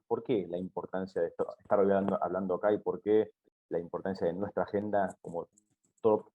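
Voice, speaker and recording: A man speaking as an industry panelist, explaining his points at a conference in a husky voice. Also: low voice. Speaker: steel industry representative, panelist. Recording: dull, lo-fi sound.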